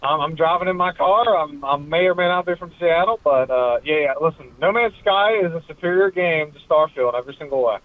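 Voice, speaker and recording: A man's voice: on the high side, fairly quick, hardly any pauses, no echo. A man calling in from his car over a clipped phone line, chatting casually with strong opinions and plenty of fillers. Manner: opinionated, full of "like" and "you know". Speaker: caller. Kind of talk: casual call-in chat.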